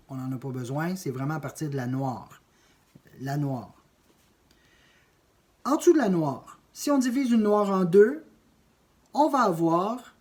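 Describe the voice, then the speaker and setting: A man teaching a drum lesson, explaining note values step by step and counting beats aloud. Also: on the high side. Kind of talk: music lesson.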